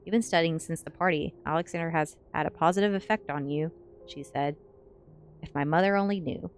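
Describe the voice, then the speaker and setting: A sleepy woman streamer reads a book aloud ASMR-style and chats casually with her viewers while music plays in the background. Her voice is deep and fairly quick, with a slight hiss or hum in the recording.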